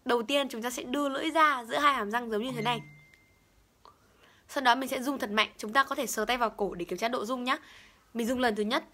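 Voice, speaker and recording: A woman's voice: fairly high pitch, fast talker, bright, forceful tone. A young woman teaching English pronunciation, over-enunciating and repeating each word as she demonstrates it. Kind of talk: bilingual pronunciation lesson.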